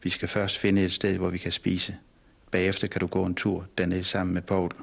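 A man voicing a calm, careful and gently teasing mother in a storybook reading. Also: deep voice, vocal fry.

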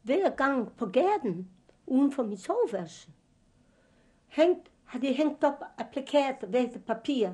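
Older woman, halting speech. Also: high-pitched, very animated, dark tone. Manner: halting, with fillers and slips of grammar. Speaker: witness recounting her past. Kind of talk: personal testimony.

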